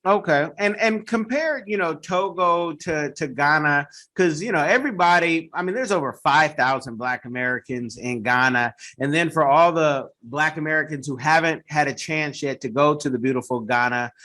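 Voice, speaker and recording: A man hosting a podcast interview, asking questions in a relaxed way and drawing out his phrases. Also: on the high side, normal speed, few pauses. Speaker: host.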